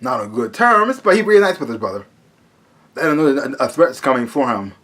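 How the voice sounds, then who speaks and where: A man's voice: medium pitch, very animated, brisk, fairly bright tone. A man giving a casual, rambling episode recap, repeating words and loosely paraphrasing what the characters say. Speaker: TV show reviewer.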